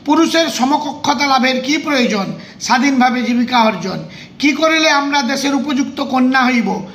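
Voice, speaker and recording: A man's voice: very high voice, moderate pace, roomy sound, a little hiss or hum. A man with a West Bengal Bengali accent who teaches a coaching class, running through an exam revision lesson and reading terms and their meanings one after another. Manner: reads out terms and meanings in a steady list.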